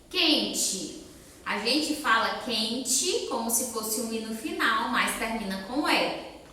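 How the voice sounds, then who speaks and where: A Brazilian woman teacher with a bright, high-set voice, patiently guiding children through a recorded class. She sounds set back from the mic in a very echoey room. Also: recorded from a distance. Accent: Brazilian Portuguese. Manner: patient, explains step by step and asks questions to children. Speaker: elementary school teacher. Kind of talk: recorded remote class lesson.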